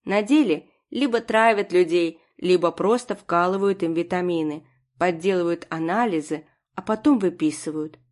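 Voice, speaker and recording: A woman's voice: lowish voice, moderate pace, a little mellow, natural voice. A woman voicing a commanding old woman doctor who barks orders in an audiobook. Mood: imperious. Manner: commanding, barking. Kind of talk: audiobook character voice.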